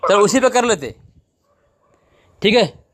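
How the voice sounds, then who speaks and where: A man's voice: high-pitched, expressive, slow pace, fairly bright tone. A man in a heated debate, insisting and repeating his demands over and over.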